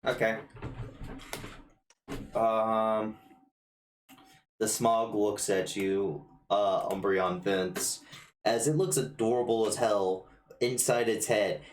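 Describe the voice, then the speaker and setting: A man's voice: lowish voice, fairly even intonation, slow, pauses often. A man running a tabletop game, narrating casually with blunt, sweary remarks. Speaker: game master. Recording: echoey room, faint noise.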